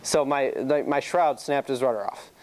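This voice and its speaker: With a mid-range, slightly mellow voice at a moderate pace, a young man explains sailing rules in an informal classroom chalk-talk. He presents for a sailing team, laughs easily, and recounts experiences from his races.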